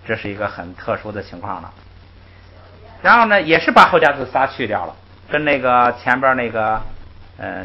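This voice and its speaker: Patient and lively, a medium-pitched man leads a language class, laying out rules and voicing syllables for everyone to repeat. He drops in "ai" a lot as the lecture moves through call-and-repeat drills. The sound is muffled and lo-fi.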